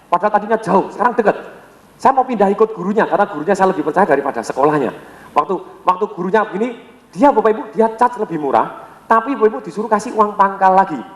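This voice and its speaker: A middle-aged man giving an energetic sales seminar to a live audience, calling on them with rhetorical questions and having them finish his sentences. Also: sits high, fast. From Indonesia. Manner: peppers talk with direct address and rhetorical questions. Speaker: sales trainer. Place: large hall. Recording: echoey hall with long reverb.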